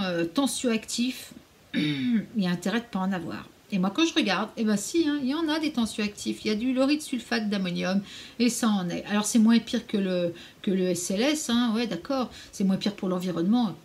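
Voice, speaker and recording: A woman's voice: fairly high pitch, expressive, normal speed, a little mellow. A woman chatting casually in a beauty vlog at home, frank and a little sarcastic, now and then cooing to her cat. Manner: frank and opinionated, mildly sarcastic. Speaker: beauty vlogger. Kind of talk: casual anti-haul vlog chat.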